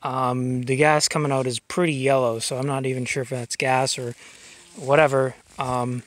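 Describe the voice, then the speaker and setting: A man's voice: mid-range voice, level tone, moderate pace. Rambling man vlogging outdoors. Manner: rambling, filler-heavy, thinking aloud. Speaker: vlogger showing a fuel tank. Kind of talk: casual outdoor vlog narration. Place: outdoors in a grassy yard. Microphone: handheld camera mic.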